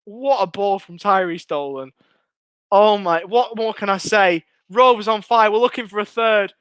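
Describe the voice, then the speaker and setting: His voice high and his speed normal, a young Englishman runs a live fan watchalong, excitably commentating on the match and reading what viewers write. He's getting hoarse and losing his voice. There's no echo.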